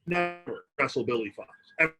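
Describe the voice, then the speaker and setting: A man's voice: medium pitch, animated, fairly quick, over music. A man speaking as an interview guest over a video call whose audio keeps breaking up, leaving his phrases cut off. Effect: choppy, breaking-up call audio with dropouts.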